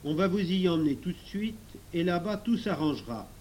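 A man's voice: high-pitched, lively intonation, a little fast, darkish tone, slight background noise, pitched above the performer's own voice. A man reading a storybook and voicing a stern police commissioner who barks curt orders.

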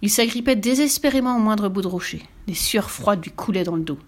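A woman narrating a children's storybook in a calm, steady way. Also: mid-range voice, fairly quick. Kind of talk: storybook reading.

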